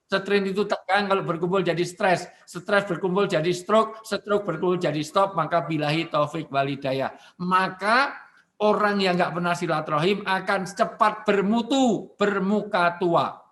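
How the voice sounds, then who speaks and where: A man from Indonesia giving a humorous virtual sermon from his home, animated and joking, often addressing his listeners directly. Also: sits high, moderate pace. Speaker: preacher.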